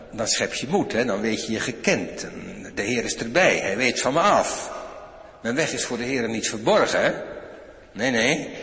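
A man preaching a sermon to his congregation, animated and direct, often turning to the listeners. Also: medium pitch. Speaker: pastor. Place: church. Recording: echoey church hall.

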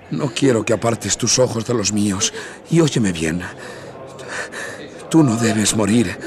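A desperate young man, high and passionate. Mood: pleading. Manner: impassioned, shouting accusations. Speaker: lead actor. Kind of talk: radio drama acting. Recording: radio play with music behind.

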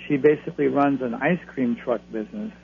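A man gives conversational advice to radio callers. His voice has a heavy creak to it. He sounds thin and tinny over the telephone, with noise on the line. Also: medium pitch, a little fast. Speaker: card-reading astrologer, radio guest.

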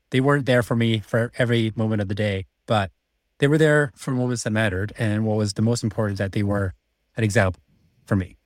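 A lowish-voiced man, a podcast guest who is an MBA student and finance executive, tells his story earnestly but restarts a lot; born in China, he grew up in Prague and moved to Vancouver. The sound is dry and close with no room sound.

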